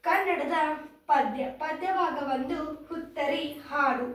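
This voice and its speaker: A young girl of about twelve, a seventh-grade student, introduces herself and then sings a textbook poem to a steady tune, repeating its refrains. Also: sits high, takes it slowly. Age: young teen, about 12. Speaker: student reciting a school poem. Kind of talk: sung poem recitation. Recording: very echoey room, voice far from the mic.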